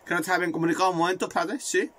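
A man commentating his own football video game, excitable and swearing, repeating words in rapid bursts. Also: high-pitched. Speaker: gaming video creator.

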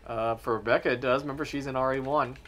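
A man's voice: medium pitch, fairly even intonation, fast, fairly bright tone. A man playing through a horror video game and teasing his friends in casual chat. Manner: dry teasing, playful. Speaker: player of the game.

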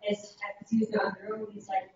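A woman tells stories in lively, casual chat and fills her sentences with "like". She is far from the mic in a very echoey classroom. The sound is muffled and dull. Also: medium pitch, fast talker, a little hiss or hum. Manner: animated storyteller, many "like"s.

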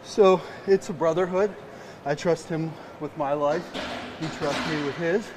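A middle-aged man, a first responder, giving plain, halting interview answers while exercising in a gym. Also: on the high side. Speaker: crisis response team member being interviewed. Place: indoor gym, on a stair climber. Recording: noisy gym with machines behind.

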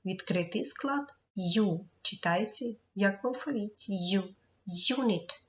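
A woman's voice: medium pitch, lo-fi sound. A woman teaching a children's English lesson, patiently explaining syllables one step at a time. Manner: slow, patient, spells out syllables.

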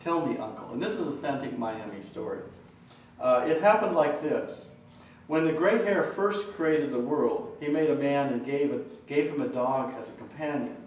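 A male author reading aloud from his novel in a measured storytelling way. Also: medium pitch, lively intonation, a little mellow, a little hiss or hum. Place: large room at a talk. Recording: echoey, distant, dull lecture recording.

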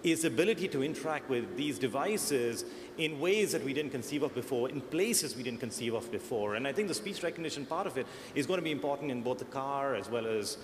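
Speaking a little fast and barely pausing, a man with a medium-pitched, animated voice and a part-American, part-Indian accent answers thoughtfully as a search engineer on a conference panel, frequently restarting what he says. Echo from the large hall and faint noise color the recording.

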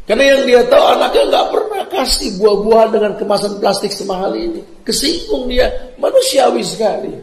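A male preacher with a high, gravelly voice gives a passionate sermon. He scolds his listeners with sharp rhetorical questions and acts out family conversations. The sound is roomy and echoing. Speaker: Islamic preacher.

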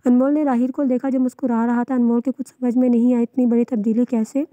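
A woman narrating a romance novel aloud in a steady, even reading. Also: a little high, quick pace, no echo. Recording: dull lo-fi, dry.

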